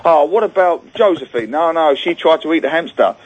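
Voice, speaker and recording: A man's voice: fairly high pitch, expressive, brisk, narrow, tinny audio. A man who grew up in Singapore, a book author guest on a radio show, telling chatty self-deprecating stories and acting out quoted lines. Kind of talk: radio interview, phone-in guest.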